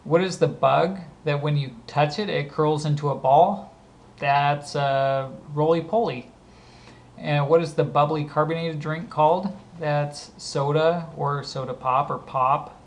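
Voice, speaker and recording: With a steady tone at a measured pace, this fairly high-voiced man reads words one by one and talks casually about his usage of each. He has a Southern California accent and a scratchy voice.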